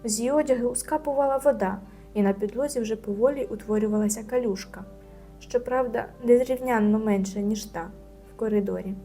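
A woman's voice: fairly high pitch, a little fast, soft background music. Woman narrating a children's audio tale. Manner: lively, expressive storytelling.

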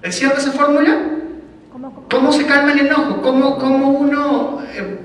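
A man's voice: very high voice, normal speed, fairly bright tone. A man teaching a class in a chatty way, often asking his students rhetorical questions. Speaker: instructor. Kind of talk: classroom lecture. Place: lecture room. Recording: echoey hall, mic far off.

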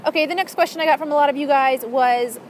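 A woman's voice: high-pitched, fast. A young woman chats casually to camera in a rambling, informal way, speaking into the mic on her earphones outdoors. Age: young adult. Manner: informal, rambling, frequent "like" and "you know". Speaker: vlogger. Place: outdoors in an urban park. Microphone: earphone mic used as microphone. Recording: outdoor background noise, headphone mic.

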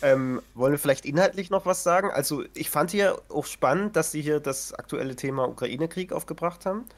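A man's voice: on the high side, fairly quick. A man co-hosting a podcast in casual chat, chatty and teasing, laughing often. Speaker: podcast co-host.

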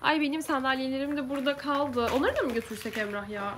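Chatty high-voiced young woman outdoors. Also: fast talker, fairly bright tone, a little hiss or hum. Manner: chatty, exclaiming, thinking aloud. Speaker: vlogger. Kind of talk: casual home vlog chat. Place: garden outdoors. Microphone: handheld camera.

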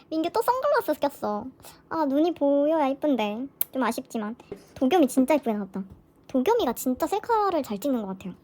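Gushing, excitable woman fan vlogger. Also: a little high. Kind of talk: casual unboxing vlog.

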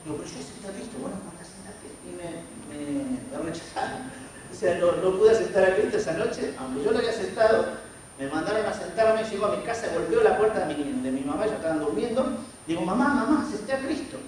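A man's voice: high voice, fast, darkish tone. Argentine man in his 40s, lightly raised voice, preaching testimony, distant in a roomy church with faint background hiss. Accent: Argentine Spanish. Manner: storytelling with acted quotes of others. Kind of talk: sermon testimony. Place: church sanctuary. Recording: very echoey church hall from far off, faint noise.

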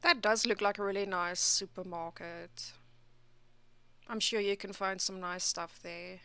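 Slow-talking skeptical woman reaction host. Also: medium pitch, steady tone, music in the background. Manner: skeptical, critical commentator. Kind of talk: reaction commentary.

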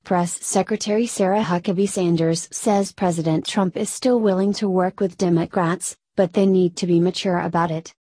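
A woman reads scripted news in a steady read-aloud way, stumbling over abbreviations. Her voice sits fairly low and has a dark, mellow tone. The close voice-over sounds dry, with no room around it. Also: dry recording. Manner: even read-aloud delivery that garbles abbreviations. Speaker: news narrator.

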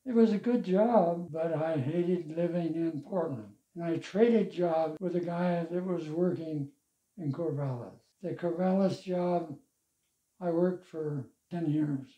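An older man, a longtime church member, sits in an armchair in his living room and reminisces about his life and church work in a relaxed interview. His voice is a little high, and he tells stories slowly, chuckling now and then. A lavalier mic captures a roomy, slightly dull sound.

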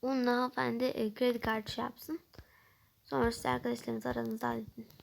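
A woman plays a commanding restaurant chef who barks orders at the staff and will not hear any objections. The voice rides a little higher than usual and has a light gravel. This is a toy role-play. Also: level tone, fairly quick. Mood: bossy.

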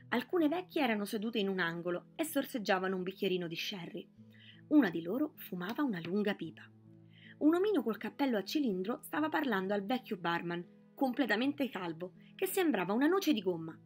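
A woman reading a novel aloud as scripted narration at a steady, even storytelling pace. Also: mid-range voice. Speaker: audiobook reader. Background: soft background music.

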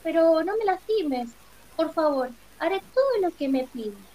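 A woman's voice: very high voice, big pitch swings, normal speed, warm tone, slight background noise, voice pushed up, rough recording. Storybook: a woman reading a timid old wizard man, nervous and begging. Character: frightened old male humbug wizard.

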